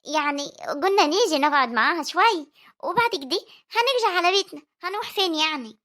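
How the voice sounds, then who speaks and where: Performer doing a fussing Egyptian village mom, very high, rapid and bright, scolding but tender. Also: animated, exaggerated voice. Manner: scolding yet tender, coaxing. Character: worried village mother of young daughters. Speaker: mother. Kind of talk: homemade family drama voice acting.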